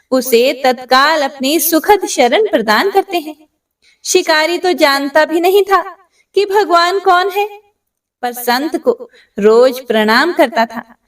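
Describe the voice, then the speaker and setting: A woman narrating a devotional story in a gentle way, addressing devotees directly. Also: high voice. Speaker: religious storyteller. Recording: voice distant from the mic.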